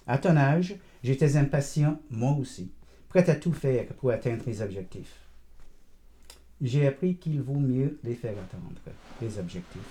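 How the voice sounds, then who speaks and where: Man reading as an old grandfather, very dark mellow voice, rambling and wry storyteller, audiobook narration. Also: medium pitch, lively intonation, a little slow, close to an everyday voice. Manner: meandering, digressive, gently teasing. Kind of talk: first-person audiobook narration.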